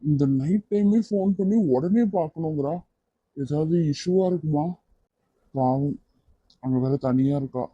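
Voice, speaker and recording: A man's voice: fairly high pitch, a little slow, pauses often, mellow, breathy edge, dry recording, dull audio. A man voicing an evasive young man who gets defensive and irritated when questioned, in a cartoon. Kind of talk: cartoon voice acting.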